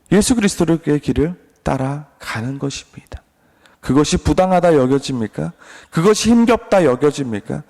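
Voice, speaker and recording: A pastor preaching an earnest sermon, asking repeated rhetorical questions. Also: male voice, a little high, vocal fry, darkish tone. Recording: long reverb.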